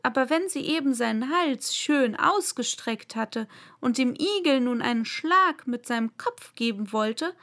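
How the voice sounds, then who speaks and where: A woman narrating a classic children's storybook aloud in a slow, even reading voice. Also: high voice.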